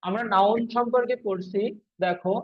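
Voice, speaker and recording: A man's voice: high voice, steady tone, normal speed. A male teacher explaining English grammar for an exam, repeating points and often checking whether students follow. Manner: repetitive, checks understanding with frequent questions. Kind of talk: exam-prep grammar lesson. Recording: tinny phone-like sound.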